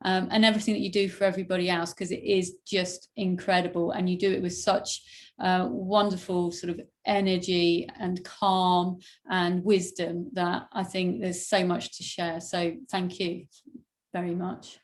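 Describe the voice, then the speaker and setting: A woman's voice: on the low side, flat delivery, moderate pace. A woman hosting a recorded call interview, praising her guest at length in a rambling, effusive way. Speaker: podcast host. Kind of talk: warm interview wrap-up.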